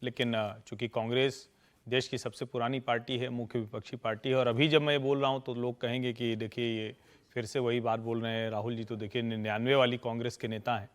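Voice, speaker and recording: A man speaking as a political commentator on a TV panel, forceful and lecturing. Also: medium pitch, flat delivery, a little fast. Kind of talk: TV panel debate.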